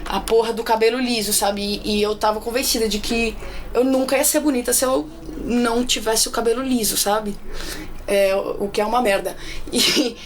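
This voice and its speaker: A woman's voice: on the high side, a little hiss or hum. A woman with a Brazilian accent in casual podcast chat, blunt and slangy, swearing freely. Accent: Brazilian Portuguese. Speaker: podcast guest.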